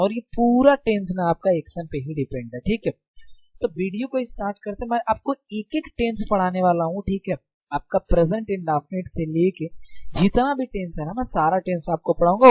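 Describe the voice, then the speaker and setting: A young man with a high, slightly mellow voice teaches a grammar lesson with no echo in the recording. His casual, friendly classroom explanation is full of rhetorical questions and checks that students are following along.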